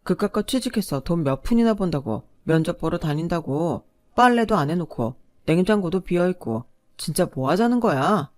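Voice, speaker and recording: A scornful, pushy young husband in an audio story drama, sneering and nagging with a loud, slightly raised voice, as a woman narrator puts him on. He sounds sure of himself and scolds rather than asks. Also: on the low side, lively intonation, normal speed, no room sound, natural voice.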